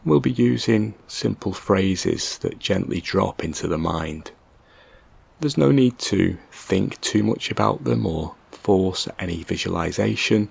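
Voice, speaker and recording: Leading a guided meditation, a man speaks with a low, husky voice and some vocal fry. He stays gentle, calm, and measured, with long pauses between brief instructions.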